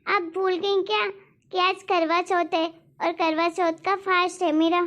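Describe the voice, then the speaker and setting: A woman voicing a dutiful young daughter-in-law who speaks politely and softly, eager to please, in a cartoon story. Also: very high voice, level tone, measured pace. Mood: earnest. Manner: polite, soft-spoken, anxious to please.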